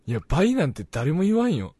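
Man, Hakata accent, casual chat, very lively pitch, loud then mumbled. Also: fast, slightly rough, no echo. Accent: Hakata dialect. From Fukuoka, Japan. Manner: animated, swings between loud bursts and mumbled asides.

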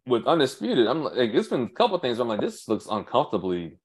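A man in easy sports banter, his pitch moving a lot as he talks. He speaks in slang and keeps it loose, sometimes putting on other people's voices. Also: fast, breathy edge. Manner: animated, slangy, imitates others in a high voice. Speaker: podcast co-host. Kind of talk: casual sports chat.

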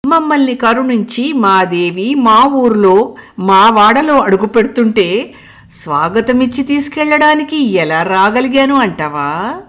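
A charming young man who speaks with gallant affection, voiced by a woman reading the story. There is no gruff put-on depth in the voice. It sounds like a storybook reading. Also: a little high, animated, a little slow, a bit bright.

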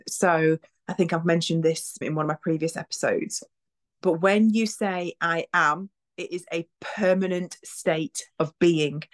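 A woman in her forties talks through her ideas on her own podcast, and her voice sits slightly low for a woman. She is chatty and reflective. She brings the quoted inner voices to life with lively little acted lines. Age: 40s. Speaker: podcast host. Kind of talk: reflective solo podcast talk.

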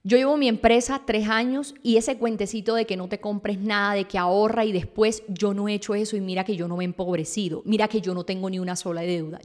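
A young woman hosting a podcast, talking straight to the listener in a casual, animated and confessional way. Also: mid-range voice. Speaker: podcast host. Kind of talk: casual monologue.

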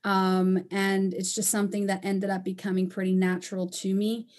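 A woman's voice: medium pitch, completely flat delivery, normal speed, darkish tone. A woman from Panama and Costa Rica, a native Spanish speaker, talking candidly as an interview guest with frequent fillers. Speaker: construction company owner, guest. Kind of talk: casual interview.

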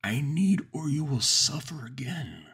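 A man voicing a bloated male monster that feeds on feelings, with a slow, croaking, breathy delivery. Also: a little high, animated, fairly bright tone, pitched above the performer's own voice, heavily acted. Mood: desperate. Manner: slow, drawn-out creature voice.

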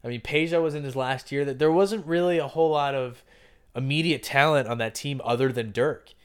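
A man's voice: mid-range voice, fairly quick, clear, resonant tone. Opinionated man in casual sports talk. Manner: conversational, opinionated, frequent restarts. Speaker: podcast host.

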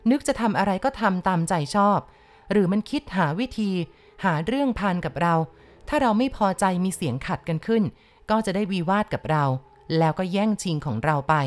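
A woman reads a ghost story aloud, unhurried and deliberate. Her voice sits fairly low for a woman, with a steady storytelling pace. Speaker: audiobook reader.

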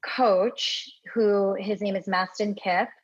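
A woman's voice: medium pitch, steady tone, takes it slowly, slightly rough. A woman in her thirties from Hawaii, a guest in an interview, telling her story in a chatty way and often adding "right?" and "you know". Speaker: podcast guest. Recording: dull lo-fi audio.

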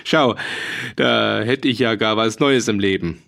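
A man's voice: medium pitch, unhurried, fairly bright tone, lightly acted. A man voicing a cheerful, roguish male mercenary with a dialect, jovial and teasing. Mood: jovial boastful. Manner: jovial, teasing, bursts of laughter.

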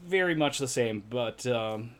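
A man hosting a casual podcast chat, often restarting words and filling pauses with uh, laughing easily. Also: mid-range voice, expressive, fairly bright tone. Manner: stammering restarts, frequent uh fillers, laughs easily. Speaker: podcast host.

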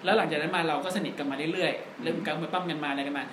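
A man's voice: fairly high pitch, rapid-fire, reverberant, background noise. A man in his thirties, co-hosting a podcast, telling a long story with crude jokes and frequent laughs. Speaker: podcast co-host. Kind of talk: casual chat.

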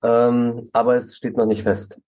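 Middle-aged man, from Germany, mellow dark voice, relaxed, lots of ums, podcast guest. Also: medium pitch, measured pace. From Halle an der Saale, Germany. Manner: relaxed, many hesitant fillers. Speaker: guest photographer. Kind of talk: podcast interview.

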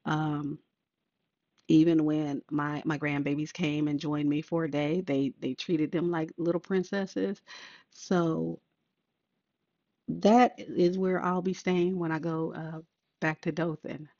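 A woman's voice: low-pitched, little pitch movement, takes it slowly, dark tone, no room sound. A woman podcast host, older, talking in a laid-back, rambling way with many fillers. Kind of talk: casual podcast monologue. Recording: dull lo-fi sound.

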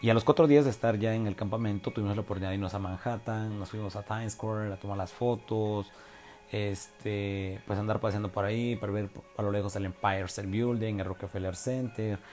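Young Mexican man, low and warm voice, chatty slangy storyteller. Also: steady tone, brisk, faint music behind. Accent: Mexican Spanish. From Oaxaca, Mexico. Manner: slangy, chatty, full of fillers and tag questions. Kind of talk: casual personal storytelling.

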